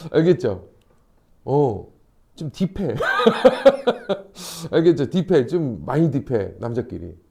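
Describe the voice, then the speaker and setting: A male academy teacher lecturing high school students, animated and constantly checking in with questions. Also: vocal fry. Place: classroom.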